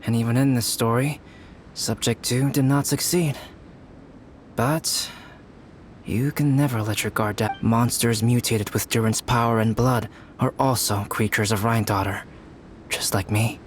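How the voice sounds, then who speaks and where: This is a game actor voicing a calm, thoughtful young male alchemist with a soft-spoken, measured delivery. The pitch sits in the medium range, the voice sounds natural, and there's slight background noise.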